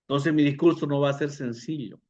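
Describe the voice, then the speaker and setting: Man teaching a class, unhurried. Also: on the high side, darkish tone, dull audio. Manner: unhurried, repeats words, fillers, asks the audience. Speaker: public speaking teacher. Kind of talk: lecture to pastors.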